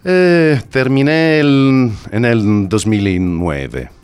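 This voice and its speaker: A man from Italy with an Italian accent giving a casual interview, halting as he searches for words in his second language. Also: mid-range voice, darkish tone, clear, resonant tone. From Sardinia, Italy. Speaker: interview guest, Italian teacher.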